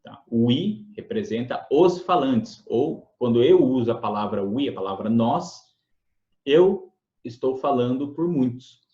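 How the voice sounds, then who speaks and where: A man gives a relaxed grammar lesson at a middle pitch, with many fillers and restarts, and keeps checking that the listener follows along. His voice sits in a roomy space. The sound is a little dull. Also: a little slow. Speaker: English teacher. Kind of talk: explanatory lesson.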